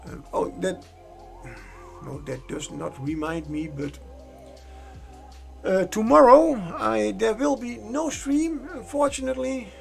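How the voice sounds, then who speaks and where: A man's voice: sits high, animated, takes it slowly, gravelly, faint music behind. A man chatting casually on a live painting stream, rambling and correcting himself with jokey asides into a desk microphone.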